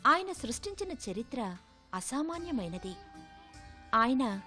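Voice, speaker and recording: A woman's voice: high-pitched, sing-song, unhurried. A woman giving formal, poetic documentary narration from a script. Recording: narration with soft music underneath.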